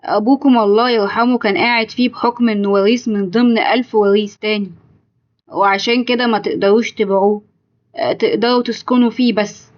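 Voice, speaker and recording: Storybook: narrator plays a businesslike Egyptian lawyer, brisk and slightly high. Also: female voice, fairly even intonation, muffled recording, close to an everyday voice. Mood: explaining. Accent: Egyptian Arabic. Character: matter-of-fact male family lawyer.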